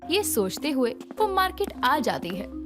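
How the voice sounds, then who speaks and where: A woman narrating a moral story in a scripted, expressive way. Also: sits high, a little slow. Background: background music.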